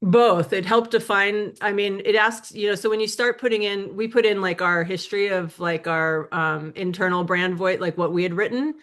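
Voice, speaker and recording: A woman's voice: medium pitch, fairly even intonation, moderate pace, few pauses, a bit bright. A woman speaking as a guest in a casual interview, chatty and full of little fillers.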